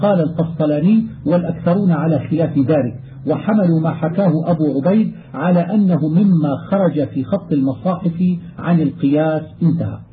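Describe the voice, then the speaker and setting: A man teaching Quran recitation, reading a classical scholarly text aloud in a steady manner and lifting his voice to recite verses. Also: fairly high pitch, fairly quick. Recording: tinny phone-like radio recording.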